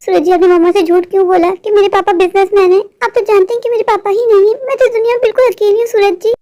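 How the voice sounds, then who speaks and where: A timid young cartoon bride, voiced by a woman, speaks in a very high, thin voice. She talks quickly, nervous and pleading. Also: fairly even intonation, dark tone, no echo, studio quality. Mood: anxious. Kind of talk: cartoon voice acting.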